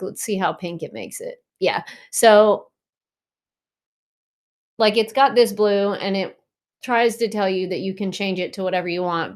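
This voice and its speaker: A woman at home casually walking viewers through a design tool on a shared screen, chatty and full of ums and likes. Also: mid-range voice. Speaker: design tutorial presenter.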